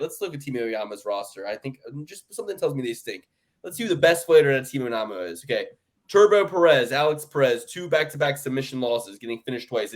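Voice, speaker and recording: A man riffing on a casual sports picks podcast. He rants with energy and drops into mocking impressions of the other hosts. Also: mid-range voice. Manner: animated ranting with mocking put-on quotes. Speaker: podcast co-host. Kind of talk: casual sports-betting chat.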